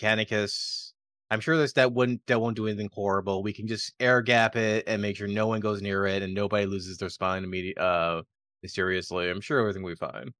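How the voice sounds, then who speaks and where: A man with a fairly low voice talks casually during a tabletop game. He repeats and reworks phrases as he argues his point, in a dry, close recording. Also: little pitch movement, a little fast, fairly bright tone, no echo. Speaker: player in a tabletop role-playing game.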